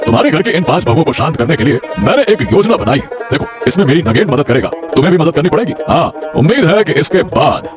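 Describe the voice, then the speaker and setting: A man voicing a calm, scheming village patron in a cartoon, measured and pondering. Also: fairly high pitch. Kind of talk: cartoon voice acting. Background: background music.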